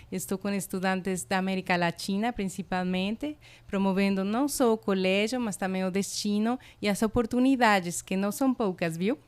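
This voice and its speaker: A middle-aged Mexican woman, a native Spanish speaker with a Spanish accent, talks enthusiastically in a casual interview and uses lots of fillers. She works as a college international representative, and her mid-range voice sounds clean.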